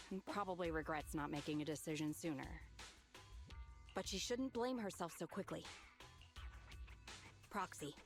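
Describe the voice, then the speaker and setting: An actress playing a calm, caring, analytical machine engineer in a video game, explaining things in a measured way. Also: female voice, mid-range voice, close to an everyday voice. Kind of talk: scripted video game dialogue. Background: background music.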